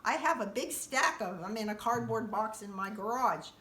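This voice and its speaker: A woman telling a comic monologue about her daily life, acting out quoted lines in a sudden high, loud voice. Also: normal speed, far from the mic. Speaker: comedian. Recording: echoey room.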